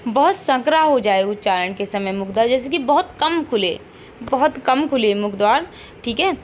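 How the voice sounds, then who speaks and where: A woman's voice: fairly high pitch, animated, moderate pace, a little hiss or hum. Patient woman teacher modeling sounds aloud. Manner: checks in with frequent rhetorical questions. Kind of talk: online classroom lesson.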